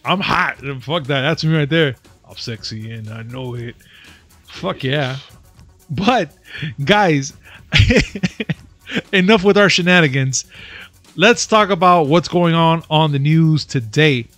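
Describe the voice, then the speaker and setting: Joking, swearing podcast host. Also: male voice, fairly high pitch, slow pace, long pauses, fairly bright tone, no echo, soft background music. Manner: joking, boastful, swears freely. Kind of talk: casual podcast banter.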